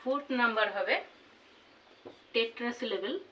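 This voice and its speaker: A woman teaching a grammar lesson, slowly repeating each example word. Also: on the high side, sharp tone, slight background noise. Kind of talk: classroom lesson. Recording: voice from far off the mic.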